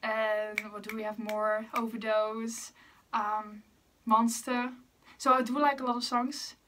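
In her poster-lined bedroom, a young Dutch YouTuber with a Dutch accent reacts to a music video, chatting casually and a bit apologetically. Her voice is on the high side and slightly bright, slow with little pitch movement, and she's far from the mic.

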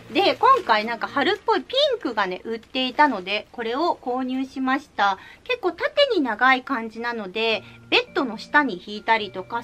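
A bubbly woman talks through her recent purchases in an easy, chatty way. Her voice sits high and swoops up and down, lively and expressive. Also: slight background noise. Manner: bubbly and chatty, cheerful "jaan" reveals. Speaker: vlogger showing recent purchases. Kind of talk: casual haul video chat.

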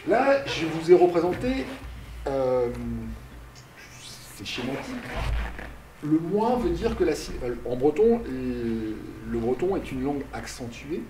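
A male university lecturer giving a public lecture, speaking slowly, explaining step by step, asking and answering his own questions, and calling for the next slide aloud. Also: fairly high pitch, very animated, noisy background. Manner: directs slide changes aloud. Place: lecture hall. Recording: roomy, distant lecture hall recording.

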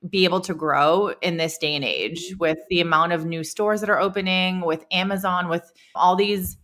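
A woman's voice: fairly low pitch, normal speed, a bit bright. A woman guest on a podcast, a brand founder and author, giving earnest, emphatic advice in casual chat and acting out bits of dialogue.

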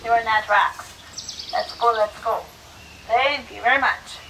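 Outdoors, a woman guides riders on a zoo train tour, quizzing kids and coaxing animals into view. Her fairly high voice is pushed and bright, unhurried and fairly even, heard distantly from the camera through a handheld mic over the train speaker, with outdoor noise.

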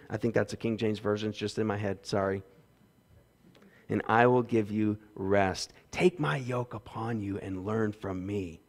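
A man in his thirties preaching a sermon on a church stage through a headset mic, swinging between loud emphasis and quiet asides. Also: medium pitch. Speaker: pastor. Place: church stage with windows behind.

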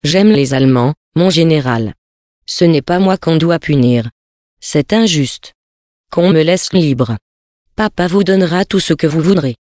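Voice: medium pitch, lively intonation, measured pace, darkish tone, dry recording, studio quality, close to an everyday voice. A reader voicing a terrified man who pleads frantically for his life in a dramatic audiobook. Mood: pleading, frantic. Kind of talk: audiobook reading of a novel.

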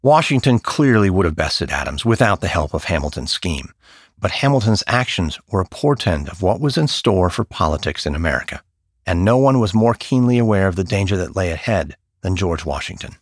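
A man narrating a history podcast from a script, in a measured and solemn storytelling manner. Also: low-pitched, expressive, slightly rough, no echo, studio quality. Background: faint background music.

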